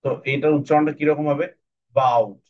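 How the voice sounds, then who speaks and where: A man teaching children an English phonics lesson online, repeating each word slowly for them to copy. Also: a little high, steady tone, muffled recording, slight background noise. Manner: slow, repetitive drilling of words. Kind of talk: phonics lesson to children over a video call.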